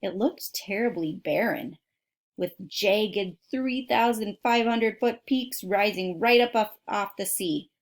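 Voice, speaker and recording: Reading slowly at home, a woman with a medium-pitched voice shares a true children's adventure story the way a teacher reads to students. She leans on the dramatic words and breaks off with asides aimed straight at her listeners.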